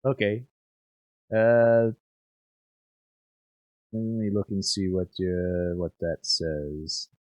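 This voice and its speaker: A man running a tabletop game as game master, narrating haltingly with many restarts. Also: low voice, little pitch movement, darkish tone, no echo.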